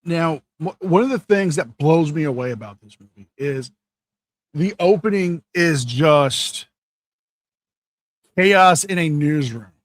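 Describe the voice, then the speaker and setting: A man co-hosting a podcast in casual chat, excitable, swearing and stumbling over names. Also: a little high, takes it slowly, pauses often, no room sound. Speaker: podcast co-host.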